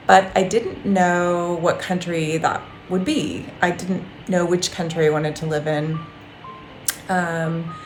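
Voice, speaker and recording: A woman with a lowish voice speaks earnestly about her reasons for moving abroad, often pausing on an um. The room rings with echo. Soft music plays behind her. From United States. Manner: earnest, frequent ums. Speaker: interviewee. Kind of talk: casual personal account. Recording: echoey room.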